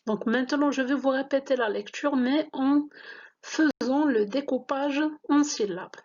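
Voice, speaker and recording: Woman teacher, arabic first language, reads french super slow and careful, higher voice, kinda dull lo-fi sound. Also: a little mellow. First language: Moroccan Arabic. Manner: spells out letters and syllables slowly, very deliberate. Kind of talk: slow classroom-style reading lesson.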